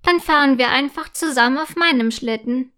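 A woman's voice: high-pitched, normal speed, pushed and bright. Luna, a little girl in a storybook, voiced by a woman. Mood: encouraging. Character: young girl Luna, easily let down, then delighted. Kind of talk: storybook character voice.

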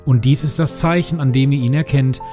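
A comforting angel proclaims joyful news slowly and solemnly, as a male reader gives him voice. Music plays clearly underneath this church Christmas story. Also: medium pitch, fairly even intonation, warm tone, lightly acted. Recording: music behind the voice.

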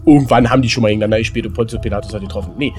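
A man's voice: fairly low pitch, rapid-fire, over music. A man co-hosting a casual podcast, thinking aloud as a quiz contestant, rambling with lots of fillers and laughter.

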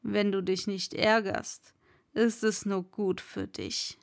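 A woman's voice: mid-range voice, fairly even intonation, takes it slowly, vocal fry. Woman voicing a cruel, domineering castle lord. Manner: domineering, scolding.

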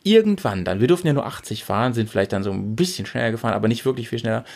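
A young man from Lower Saxony tells a long story in relaxed chat, his pitch jumping all over as he acts out the voices of the people in it. His voice sits in a middle register, and the telling stays loose and animated. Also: rapid-fire, gravelly. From Lower Saxony, Germany. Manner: animated anecdote-telling, acting out quotes with big pitch jumps. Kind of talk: casual chat.

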